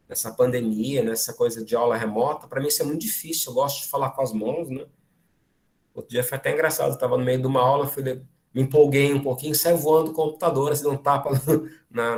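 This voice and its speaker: A man from Brazil giving an online academic lecture, lively and full of fillers and restarts. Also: medium pitch. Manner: animated, many fillers and restarts.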